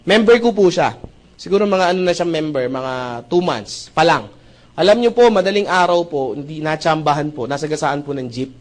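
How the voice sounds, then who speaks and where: A man giving a live sales presentation to an audience. He jokes, keeps checking in with the crowd, and mixes English phrases into Filipino speech. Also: sits high. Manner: jokey, animated, often asks the audience "right?". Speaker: seminar speaker presenting a business opportunity.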